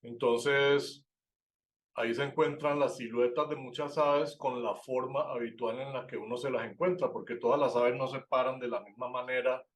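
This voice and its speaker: A man's voice: medium pitch, steady tone, normal speed. Guy teaching a bird-watching class, explains step by step, checks in with students, faint hum behind him. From Colombia. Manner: self-correcting, with fillers and restarts. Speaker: birding course instructor. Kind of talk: online class lecture.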